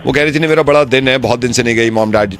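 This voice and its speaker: A man's voice: mid-range voice, fairly bright tone. Male radio host, chatty prankster who keeps insisting and laughs a lot, faint music bed. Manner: chatty, laughs often, talks fast and insists. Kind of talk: prank phone call.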